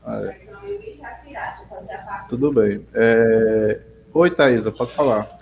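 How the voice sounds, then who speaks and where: Speaking very slowly in a fairly low, creaky, slightly mellow voice, a man with a Rio Grande do Norte accent teaches geography online. The audio is poor, coming from a computer mic on a video call. He rambles, often restarts, and addresses students by name as he calls on them.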